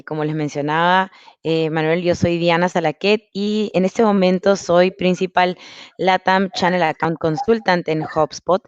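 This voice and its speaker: A woman's voice: on the low side, smooth, no room sound. Woman, from Peru, guest speaker, online masterclass, upbeat, step-by-step, dull lo-fi call audio. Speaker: guest speaker, marketing consultant.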